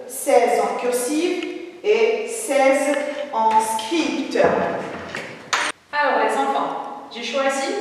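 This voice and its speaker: A woman teaching a reading lesson to young children, spelling out syllables slowly and carefully, with lots of repetition. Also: on the high side. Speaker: primary school teacher. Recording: echoey room from far off, faint noise.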